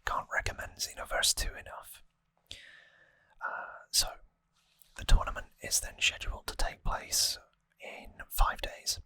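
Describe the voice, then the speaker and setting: A person whispering softly and breathily as an ASMR host, giving an unhurried, rambling recap with gently wry asides, close to the microphone. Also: dry recording.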